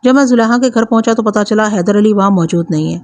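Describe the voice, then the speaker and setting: A woman storyteller giving a scripted narration of a crime story in a steady, even reading voice. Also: medium pitch, slight background noise.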